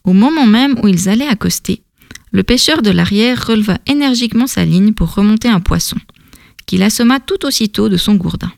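A woman narrating a storybook in a calm, measured reading voice. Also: medium pitch, creaky, dry recording, studio quality.

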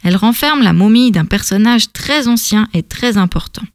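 A woman's voice: mid-range voice, animated, moderate pace, no echo, studio quality, natural voice. Woman doing a wary, shrewd boy. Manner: wary, bargaining.

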